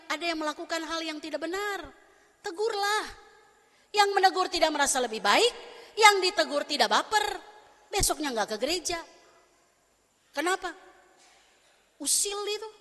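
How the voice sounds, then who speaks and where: Fast-talking woman pastor, hall reverb. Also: very high-pitched. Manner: fast-talking, lively, acts out congregation dialogue. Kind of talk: sermon. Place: church sanctuary. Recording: long church hall reverb.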